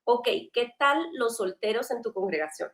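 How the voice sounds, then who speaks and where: A woman's voice: fairly high pitch, lively intonation, moderate pace. Earnest woman in an echoey room. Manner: earnest, conversational, pointed questions. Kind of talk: church panel discussion. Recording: roomy echo.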